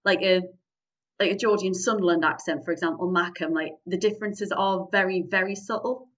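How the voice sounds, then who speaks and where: A woman's voice: fairly low pitch, steady tone, a little fast. A woman from Newcastle with a northeast English Geordie accent, chatting casually as an interview guest about her performing. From Newcastle upon Tyne, northeast England. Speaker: guest, improv comedy performer. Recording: dull, distant-sounding lo-fi audio.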